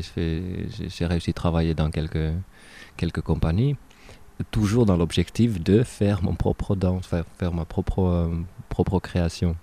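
A Finnish man in his thirties, a dancer and choreographer, is interviewed on the radio in a low, mellow voice with a Finnish accent. He sounds hesitant and restarts often.

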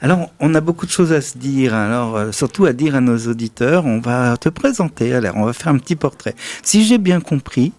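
A man hosting a radio interview, asking questions gently and patiently. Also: medium pitch, lively intonation, fairly quick, few pauses. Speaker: radio host.

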